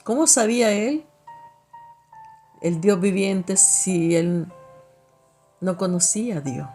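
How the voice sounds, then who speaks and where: A woman reading a Bible passage aloud and reflecting on it, slowly and emphatically, with frequent restarts and rhetorical questions. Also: mid-range voice, animated, warm tone, faint music behind. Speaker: lay preacher.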